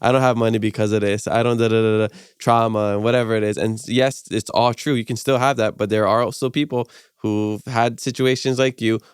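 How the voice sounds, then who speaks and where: Smooth-voiced agreeable podcast host man. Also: lowish voice, steady tone, fairly quick, no echo, clean studio sound. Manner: agreeable, encouraging, fills in with "yeah". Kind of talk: casual podcast conversation.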